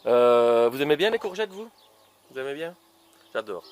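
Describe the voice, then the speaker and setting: A man's voice: mid-range voice, sing-song, normal speed, clean tone. A man in his outdoor garden, planting seedlings and teasing kids to guess each vegetable, with lots of fillers. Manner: playful, teasing guessing games, many fillers. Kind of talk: casual gardening show for children.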